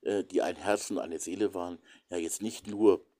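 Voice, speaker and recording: A man giving a reflective spiritual talk, halting and thoughtful with many fillers, sometimes dropping to a whisper. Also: low-pitched, fairly even intonation, mellow.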